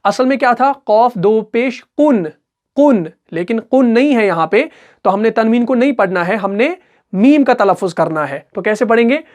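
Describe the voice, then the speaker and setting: A man's voice: very high voice, animated, darkish tone. Patient male tajweed teacher, Urdu-speaking. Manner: patient, repeats each example slowly; asks questions and answers them himself. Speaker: Quran recitation teacher. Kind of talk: step-by-step tajweed lesson.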